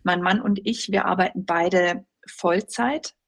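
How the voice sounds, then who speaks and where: A woman's voice: fairly low pitch, measured pace, creaky, slightly rough. A woman in her forties, a journalist guest in an interview, talking thoughtfully with many fillers and light laughs. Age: 40s. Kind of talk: casual interview talk.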